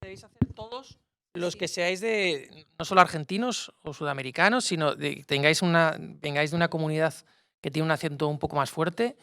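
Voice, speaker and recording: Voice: medium pitch, vocal fry, fairly bright tone. A musical theatre performer speaking emphatically to students on a panel. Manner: emphatic, instructive.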